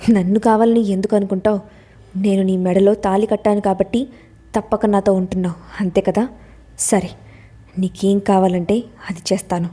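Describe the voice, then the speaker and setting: A woman's voice: medium pitch, steady tone, normal speed, natural voice. A woman voicing an angry, jealous young husband who hurls accusations in an audio story. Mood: bitter. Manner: accusing, shouting.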